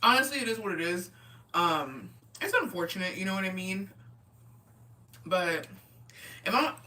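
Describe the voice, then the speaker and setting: A woman in her twenties, tipsy, talks through viewer comments on a casual livestream, slangy and profane with Spanish mixed in. Her fairly low voice has lively intonation at a normal speed and sounds pushed and bright. The microphone picks her up from a distance.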